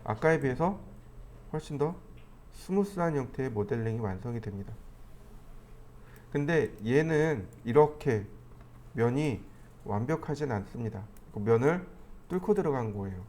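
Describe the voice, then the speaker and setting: A man teaching a 3D modeling class, explaining each step as he clicks through the software. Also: mid-range voice, animated, moderate pace, long pauses, slight background noise. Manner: step-by-step explaining, thinking aloud while clicking. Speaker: 3D modeling instructor. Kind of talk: screen-recorded software tutorial.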